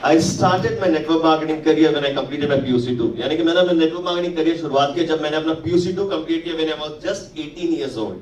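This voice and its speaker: A man's voice: fairly high pitch, normal speed, hardly any pauses, far from the mic, highs cut off, a little hiss or hum. A man in his forties with an Indian English accent, giving a motivational stage speech at a network marketing event. He mixes Hindi and English and keeps putting rhetorical questions to the audience. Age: 40s. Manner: switches between Hindi and English mid-sentence. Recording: echoey hall, mic held back from mouth.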